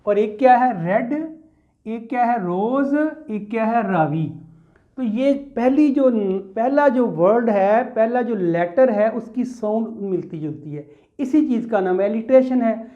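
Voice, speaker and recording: A man with a Pakistani accent and a very high-pitched, expressive voice teaches English grammar slowly in a classroom lecture, captured with phone-quality sound. Patient throughout, he poses questions and answers them himself, calls his students "beta," and mixes English terms into his explanation.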